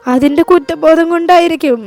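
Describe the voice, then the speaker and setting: Storybook reading: scared gentle young woman, pleading, voiced by a woman in a very high voice. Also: steady tone, unhurried, no room sound, soft background music. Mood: frightened. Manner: pleading, anxious.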